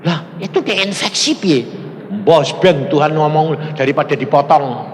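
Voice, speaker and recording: A man's voice: fairly high pitch, unhurried. A man with a Javanese accent preaching a storytelling sermon, acting out the voices in his story and slipping into local dialect. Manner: animated, acts out quoted voices, mixes in local dialect. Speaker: evangelist preacher. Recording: long reverb in a large hall, faint noise.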